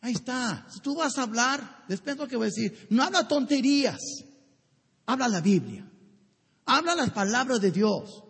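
A man preaching a sermon as pastor, talking to his congregation in a lively, joking, direct way. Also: very high-pitched, normal speed, breathy edge. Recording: echoey hall.

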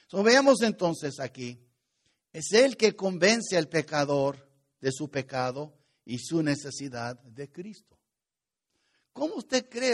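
A man preaching a sermon to a congregation, with sudden swings between loud urgency and quiet asides. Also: a little high. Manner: preaching with sudden rises and drops in loudness. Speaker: pastor.

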